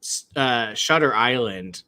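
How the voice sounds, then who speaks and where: A man's voice: medium pitch, expressive, slow pace, sharp tone, clear, resonant tone. A man co-hosting a podcast in casual, joking chat. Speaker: podcast co-host.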